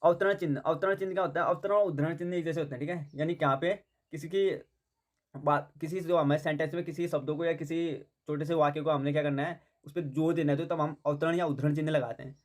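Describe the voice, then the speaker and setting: A man with a fairly high voice teaching an exam-prep grammar lesson. He keeps posing questions and answering them himself, going back over each point. He checks in with a steady "theek hai" and drops English words into his explanations. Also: fast. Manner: mixes English words into Hindi.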